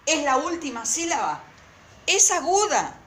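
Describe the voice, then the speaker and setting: A woman teacher talks her students through a recorded lesson. She goes slowly and stresses each word, and her pitch climbs and falls a lot. The room around her sounds echoey. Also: very animated, fairly bright tone. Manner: slow, emphatic, repeats words syllable by syllable.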